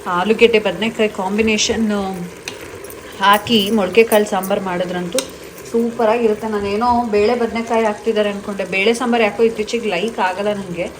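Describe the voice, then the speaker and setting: A woman's voice: medium pitch, fairly even intonation, normal speed. A woman vlogger chatting casually in a home kitchen, commenting as she goes. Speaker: family vlogger. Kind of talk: casual vlog chat. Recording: faint frying noise behind.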